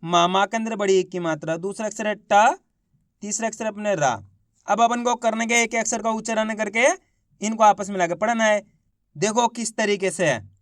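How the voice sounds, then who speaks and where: A man teaching children to read, sounding out each syllable loudly before blending the word, then coaching viewers as friends. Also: high voice, fairly even intonation, moderate pace, no echo, studio quality. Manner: addresses viewers as friends, coaxing and repetitive. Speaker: Hindi reading teacher. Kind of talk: slow syllable-by-syllable reading lesson.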